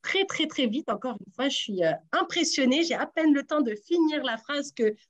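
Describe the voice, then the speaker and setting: Upbeat radio quiz host, a woman with a fairly high voice who teases her players. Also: expressive, normal speed, highs cut off. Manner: teasing, encouraging contestants. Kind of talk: lively radio quiz hosting.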